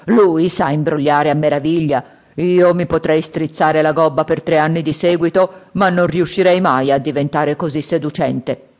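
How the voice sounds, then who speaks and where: A woman's voice: deep voice, fairly even intonation, normal speed, darkish tone, lightly acted. Porcellino: a woman doing a grumbling pig-man. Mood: envious. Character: envious grunting pig-man pilgrim.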